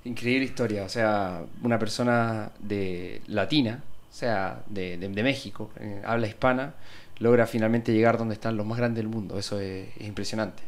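A man's voice: fairly low pitch, steady tone, normal speed. A man hosting a podcast, asking questions in a friendly, enthusiastic, chatty way, recorded in a hotel room. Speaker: podcast host. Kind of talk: casual podcast interview. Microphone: portable recording kit.

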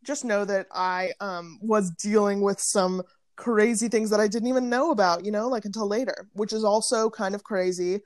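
A woman's voice: mid-range voice, fairly even intonation, moderate pace, no room sound. Teen girl rambling on a podcast, giggly and slangy, super dry close sound. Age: teens. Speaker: podcast co-host. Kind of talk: casual chat.

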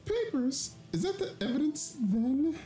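A man voicing a perky, teasing young woman, a little sister, in a high falsetto while reading a game aloud. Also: very animated, a little slow, warm tone, roomy sound, soft background music, full character voice. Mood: cheerful. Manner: high falsetto girl voice, playful. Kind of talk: let's play voice reading.

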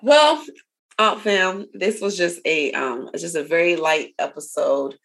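A young woman from a Haitian family co-hosting a casual podcast, animated and laughing as she tells stories and acts out voices. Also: fairly low pitch, unhurried, gravelly. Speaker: podcast co-host.

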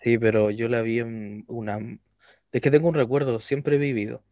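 A young adult Chilean man co-hosting a casual podcast, relaxed and slangy, telling childhood stories. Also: medium pitch, normal speed, dry recording. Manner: relaxed, laughs often, slangy. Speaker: podcast co-host. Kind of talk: casual chat.

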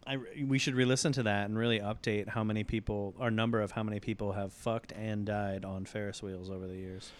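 A man's voice: on the low side, level tone, fairly quick, few pauses. A man co-hosting a podcast in casual chat, playful and mock-exasperated. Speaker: podcast co-host.

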